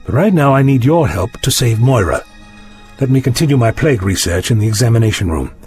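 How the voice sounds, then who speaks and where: An eccentric time-travelling doctor, played by a man, with a very animated pitch that swoops as he muses. He is courteous yet dismissive, speaking in audio drama style over background music. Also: a little fast, lightly acted. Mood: intent, investigative. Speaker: lead actor in an audio drama.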